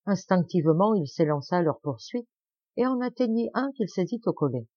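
A woman reading a classic novel aloud as an audiobook, raising her voice for the characters' shouted lines. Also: expressive, moderate pace, dry recording, dull audio. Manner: acts out the dialogue with raised pitch and volume. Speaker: audiobook reader. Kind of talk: expressive narration of a classic novel.

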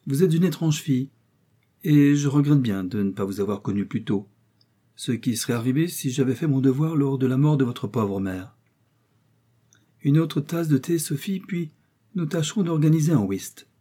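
A man reading a fond old country gentleman. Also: medium pitch, expressive, moderate pace, husky, voice pushed up. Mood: doting. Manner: warm, doting.

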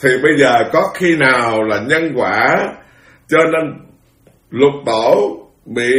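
Emphatic monk preaching. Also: male voice, mid-range voice, roomy sound. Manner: emphatic, swinging between quiet asides and forceful outbursts. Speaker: Buddhist monk teacher. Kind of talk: sermon.

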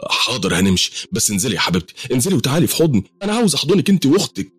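A man's voice: medium pitch, sing-song, rapid-fire, husky, dry recording, voice pushed up. A man voicing a frightened, stubborn middle-aged father with an Egyptian accent. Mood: pleading. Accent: Egyptian Arabic.

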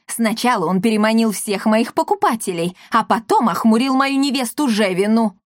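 A woman's voice: a little high, normal speed, no room sound, clean studio sound, lightly acted. Woman doing a whiny, cowardly male swindler. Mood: whining. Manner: wheedling, hoarse pleading.

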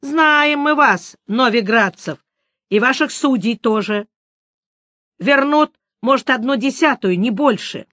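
A woman's voice: high voice, lively intonation, takes it slowly, a bit bright, no room sound, clean studio sound, voice pushed up, full character voice. A woman reading an audiobook, voicing a grumpy, blustering halfling merchant man. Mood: scornful. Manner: gruff, blustering.

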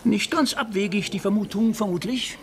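An actor playing a condescending gentleman art buyer in a radio play, speaking with polished irony. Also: sits high, normal speed, a little hiss or hum. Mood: mocking.

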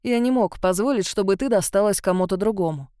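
A woman narrator reads a self-assured young man in an audiobook. He speaks calmly with a teasing edge, in a mellow voice recorded close and dry. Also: medium pitch, fairly quick, clean tone, no room sound, close to an everyday voice.

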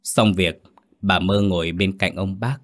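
Low-voiced somber male storyteller. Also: steady tone, a little slow. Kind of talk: scripted ghost story narration.

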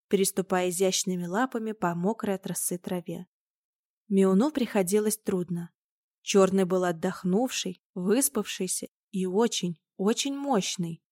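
A woman narrating a storybook with a steady, expressive reading. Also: mid-range voice, no room sound, studio quality. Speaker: audiobook narrator.

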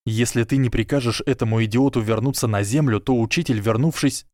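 A man voicing a quick-witted boy wizard who talks urgently and hisses warnings. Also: mid-range voice, darkish tone, no room sound, studio quality, lightly acted. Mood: urgent whisper. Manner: urgent, hissing.

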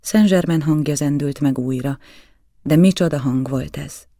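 A man reads a novel aloud in steady, measured narration. His voice is mellow with a gravelly texture, and the recording is close and dry. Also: fairly high pitch, dry recording. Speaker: audiobook narrator. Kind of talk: audiobook reading.

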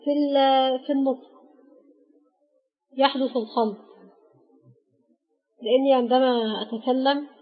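A woman's voice: sits high, fairly even intonation. Patient Egyptian woman teaching Arabic letters. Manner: patient, spells out letters one by one with pauses. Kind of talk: explaining a grammar lesson. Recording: dull lo-fi recording.

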